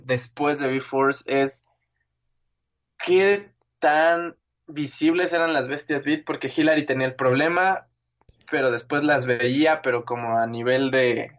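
A young man chatting casually, relaxed and nostalgic. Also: fairly high pitch, measured pace, lo-fi sound. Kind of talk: casual chat about anime.

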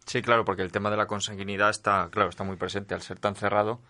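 A man's voice: lowish voice, little pitch movement, quick pace, bright, forceful tone. A man co-hosting a radio interview, chiming in often with agreement and questions. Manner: agreeing, frequent backchannel. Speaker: co-host.

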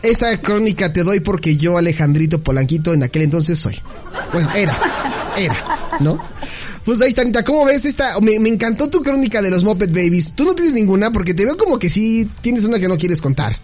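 A man's voice: high voice, big pitch swings, a little fast, darkish tone, a little hiss or hum. A man with a Mexican accent telling a childhood anecdote in a casual, playful chat, often laughing as he talks. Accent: Mexican Spanish. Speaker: podcast co-host.

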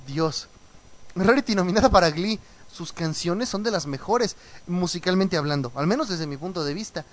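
Animated high-voiced male radio host. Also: fairly quick. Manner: animated, theatrical, mocking asides. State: coughing. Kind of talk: casual commentary reading listener messages. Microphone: studio mic with headphones.

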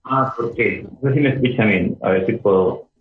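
A man's voice: fairly low pitch, normal speed. A man joining a panel chat remotely over a bad connection, asking whether he can be heard. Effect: bad call connection, choppy remote audio. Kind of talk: casual chat. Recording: tinny, echoey call line with faint clicking noise.

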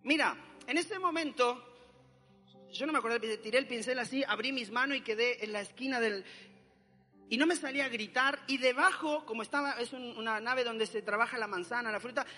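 A man's voice: very high-pitched, a little fast, bright, forceful tone, in a large hall, faint music behind. A young man, animatedly telling a dramatic personal testimony. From Argentina.

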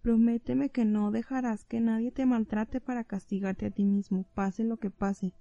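A woman voicing a tearful young woman in an audiobook, speaking in a soft, pleading way. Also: a little high, little pitch movement, normal speed, gravelly, no echo, muffled recording.

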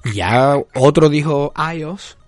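Man, Spain Spanish accent, casual gaming podcast chat, rambling and animated, mid-pitched voice. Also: fairly quick, dry recording, soft background music. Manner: rambling, animated, calls his co-host "tío". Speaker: podcast co-host.

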